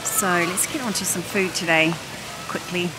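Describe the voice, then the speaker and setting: A woman's voice: lowish voice, steady tone, normal speed, over loud music, rough recording. A middle-aged woman, chatting as she browses and films a shopping vlog on a handheld phone. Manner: chatty, thinking aloud while browsing. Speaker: vlogger. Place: busy warehouse store. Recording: loud store noise behind.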